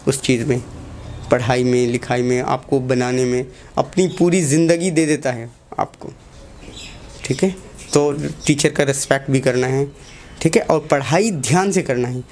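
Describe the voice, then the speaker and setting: A man's voice: mid-range voice, darkish tone, slight background noise. A young man, a teacher giving a motivational talk to students in a classroom, asking the class short questions and repeating key lines.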